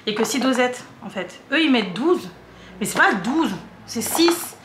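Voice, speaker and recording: A woman's voice: a little high, sing-song, normal speed, a bit bright. A young French woman chatting casually and rambling through an unboxing vlog at home, with a slight cough. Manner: rambling, lots of fillers and repeats. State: coughing a little. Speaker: vlogger. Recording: roomy echo, faint hum.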